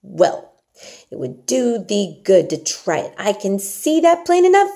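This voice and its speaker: A woman's voice: medium pitch, very animated, measured pace, creaky, warm tone, voice pushed up. A woman reading storybook dialogue as a hearty, outspoken young housemaid who scolds in a blunt, emphatic way. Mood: stoutly scolding. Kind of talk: storybook dialogue read aloud.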